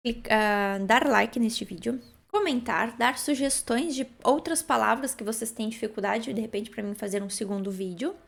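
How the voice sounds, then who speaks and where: A woman from Brazil, teaching Italian pronunciation and slowly drawing out model words, checking in with "né?" and "ok?". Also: fairly high pitch, vocal fry. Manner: slow, drawn-out model pronunciations with frequent "né?" and "ok?". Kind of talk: language lesson on pronunciation.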